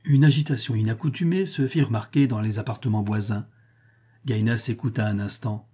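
A man reads an audiobook in a measured, even narrating voice. His tone is mellow and dark, with a husky grain. He keeps it lowered between the characters' lines.

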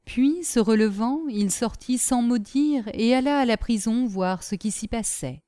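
A woman reading a classic story aloud in a measured, even way. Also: a little high, dry recording. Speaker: audiobook narrator. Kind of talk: scripted storybook narration.

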